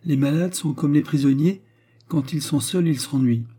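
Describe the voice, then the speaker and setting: A coy, teasing young temptress, lifted higher than a plain reading voice, as a male narrator puts her on. The tone stays dark and mellow with a husky edge. She smiles through every line of a storybook. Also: normal speed. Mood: coaxing.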